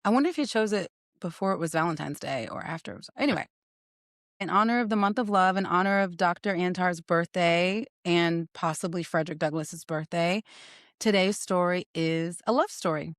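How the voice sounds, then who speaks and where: Here a thirty-something woman hosting a podcast speaks at normal speed in a lowish voice, recorded in studio quality with no echo. Her casual interview chat is full of teasing and laughter before she tells a story.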